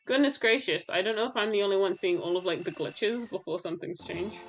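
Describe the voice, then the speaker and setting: A woman's voice: mid-range voice, fairly quick, faint music behind, low-quality recording. A woman streaming a game live, reacting aloud to the gameplay, talking to her chat and mocking herself. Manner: self-mocking exclamations.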